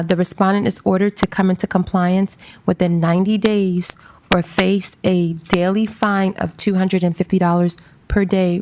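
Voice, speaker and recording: A woman presiding as magistrate at a code hearing, speaking in a measured, procedural way with fillers, captured in a courtroom recording. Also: lowish voice, darkish tone, a little hiss or hum. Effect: courtroom recording from a hearing room. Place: public hearing room.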